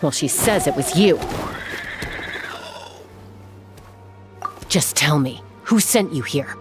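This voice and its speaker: A woman's voice: low-pitched, animated, moderate pace, over loud music. A woman voicing a composed, protective young huntress in a video game. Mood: stern, resolute.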